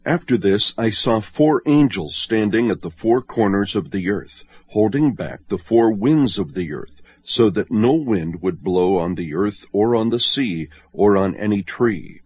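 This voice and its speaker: A man giving a measured, solemn scripted reading of scripture. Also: fairly low pitch, lively intonation, a little mellow, breathy edge. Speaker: audiobook reader.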